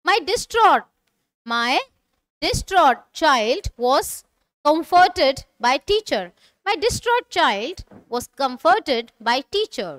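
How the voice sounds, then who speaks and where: A young Indian woman teaching spoken English in Hindi, drilling example sentences slowly and answering her own questions. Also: sits high, fairly bright tone, no echo, clean studio sound.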